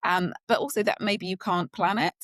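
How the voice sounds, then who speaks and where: A woman's voice: medium pitch, expressive, normal speed, no echo. A woman hosting a podcast interview, rambling a little with many fillers. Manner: warm, rambling, frequent fillers. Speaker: podcast host.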